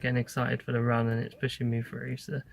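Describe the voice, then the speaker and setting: Sitting in a parked car, a British man in his thirties talks casually to his phone held at arm's length, like an everyday vlogger speaking to camera. His medium-pitched voice is fast, fairly monotone, and noticeably gravelly with fry. He speaks unscripted and a little hesitantly.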